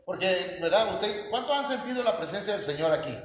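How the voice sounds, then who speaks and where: A man's voice: sits high, expressive, fairly quick, slight background noise. A man with a Mexican Spanish accent preaching a sermon in a folksy, joking way and putting questions to the congregation. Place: church hall. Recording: echoey church hall with long reverb.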